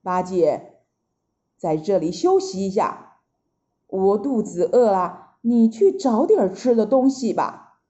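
Woman doing a stern old monk, slow and reproachful, mellow-sounding. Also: mid-range voice, animated, pitched below the performer's own voice. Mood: tired. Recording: slightly dull lo-fi recording.

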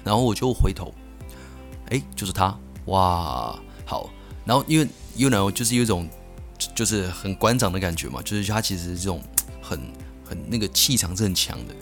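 A young man from Taiwan, hosting a podcast and telling a story in an animated way, full of restarts and self-answered asides. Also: low voice, moderate pace, faint music behind. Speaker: podcast host.

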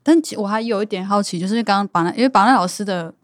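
A woman's voice: mid-range voice, very fast, no room sound, clean studio sound. A woman hosting a panel, asking questions politely and curiously with hesitant restarts. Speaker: host. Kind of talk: interview questions.

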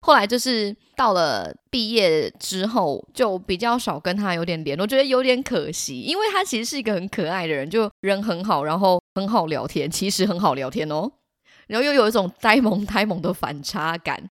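A young woman, hosting a podcast and telling a story in an animated, casual way, laughing often. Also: medium pitch, fairly quick, dry recording, studio quality. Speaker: podcast host.

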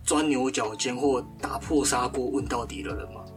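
A man's voice: mid-range voice, normal speed, over music. A man co-hosting a podcast, easygoing and playful in casual chat. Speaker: podcast co-host.

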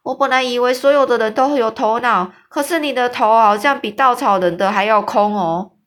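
A woman voicing a huge, boisterous male giant who teases loudly and draws out his exclamations. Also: natural voice. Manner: booming, boisterous, drawn-out exclamations.

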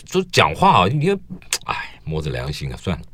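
Deep-voiced teasing Taiwanese food pundit. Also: male voice, wildly swooping pitch, a bit bright, dry recording. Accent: Taiwanese Mandarin. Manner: quick-witted, teasing, crisp diction. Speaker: food expert guest. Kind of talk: casual studio banter. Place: radio studio.

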